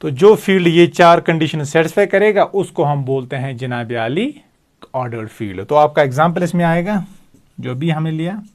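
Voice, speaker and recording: Math lecturer, higher voice. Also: male voice, normal speed. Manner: explains step by step, repeats key terms. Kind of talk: recorded video lecture.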